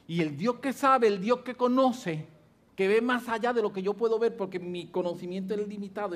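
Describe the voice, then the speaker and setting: A male pastor delivering a sermon to a congregation at a church service, swinging between quiet and loud and repeating phrases for stress. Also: high voice.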